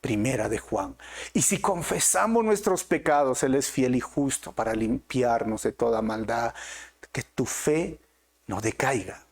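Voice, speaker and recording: Gravelly-voiced middle-aged man preaching. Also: medium pitch, expressive, a little slow. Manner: earnest preaching, rising and falling emphasis. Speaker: pastor. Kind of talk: sermon.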